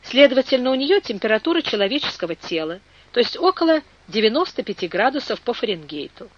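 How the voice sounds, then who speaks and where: Calm learned engineer man, read by a narrator, patient and explaining, audiobook, dull lo-fi sound. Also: mid-range voice, fast, a little hiss or hum, natural voice. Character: calm learned male engineer, middle-aged.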